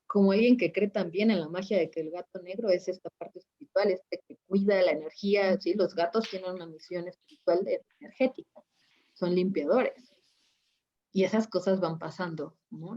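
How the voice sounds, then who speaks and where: A woman's voice: on the low side, steady tone, brisk, dull audio. A woman who works as a spiritual coach, telling a personal story in an interview and acting out her own past reactions.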